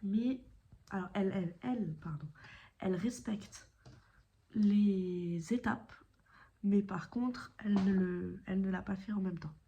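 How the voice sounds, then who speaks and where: A woman's voice: mid-range voice, unhurried, dark tone, dull audio, a little hiss or hum. A woman chatting casually about her cross-stitch projects, rambling with many fillers and self-corrections, sometimes dropping to a whisper. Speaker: cross-stitch video creator.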